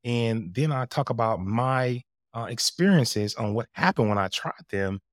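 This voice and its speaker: A man with a low, magnetic voice, speaking as a podcast guest and coach in an animated, emphatic conversational storytelling style. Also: unhurried, dry recording, clean studio sound.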